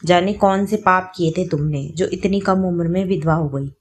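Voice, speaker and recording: A woman's voice: fairly low pitch, moderate pace, lightly acted. A woman voicing a harsh, taunting mother-in-law who scolds her widowed daughter-in-law in a spoken story. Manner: sharp, taunting and shouting.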